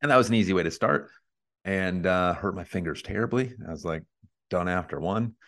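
A man in his thirties co-hosting a podcast, chatting casually in a relaxed, rambling way. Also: sits low, a little fast. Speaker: podcast co-host. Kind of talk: casual chat.

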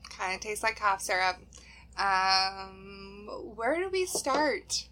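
A woman's voice: mid-range voice, takes it slowly, sharp tone, a little hiss or hum, poor audio. A woman co-hosting a podcast in natural, unscripted casual talk with a friend, chatty, giggly and self-deprecating. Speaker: podcast co-host.

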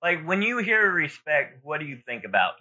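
A man's voice: on the high side, big pitch swings, moderate pace, bright, forceful tone, breathy edge. A man co-hosting a podcast in casual, informal chat, rambling and thinking aloud as he gives his opinions. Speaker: podcast co-host. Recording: dull lo-fi audio.

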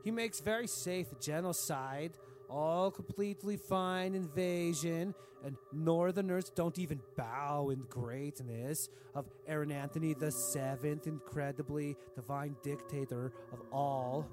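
A man's voice: a little high, fairly even intonation, measured pace, natural voice. An actor playing a cruel, pompous dictator king who speaks in broken, grand formal sentences. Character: cruel pompous self-adoring dictator king, adult man. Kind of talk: comedic audio diary reading. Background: music.

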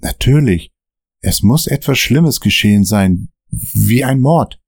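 A man's voice: fairly low pitch, expressive, takes it slowly, creaky, darkish tone, slightly rough, no echo, studio quality, pitched above the performer's own voice, heavily acted. A man voicing a firm, urgent young man who pleads with his friend, in a read-aloud story. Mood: earnest. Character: determined young man searching for answers.

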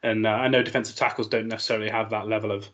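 A man's voice: on the low side, level tone, racing, a bit bright, muffled recording. A man hosting a casual sports podcast, chatty and full of fillers as he asks questions. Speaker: podcast host.

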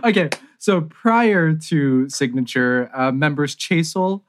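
Slow-talking man giving a rundown. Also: fairly high pitch, expressive. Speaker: podcast co-host presenting the rundown. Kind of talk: casual podcast chat.

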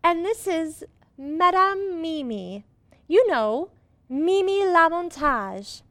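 An actress playing a sweet, excitable young housewife with a wholesome, earnest manner in a radio comedy. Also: female voice, extremely high pitch, slow, no echo, full character voice. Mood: fond. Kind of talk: old-fashioned radio comedy acting.

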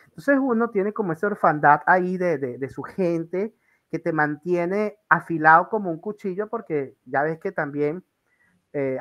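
Venezuelan male host, slightly high, bright and forceful, loose chatty delivery. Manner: chatty, rambling storyteller with many fillers. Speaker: interview host. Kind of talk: casual conversational interview.

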